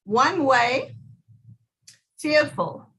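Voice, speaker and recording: A woman giving an upbeat motivational talk, leading listeners in a gentle movement exercise with lively, repeated phrases. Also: high voice, extremely slow, rough recording. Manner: energetic, chanting repeated phrases. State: out of breath after moving.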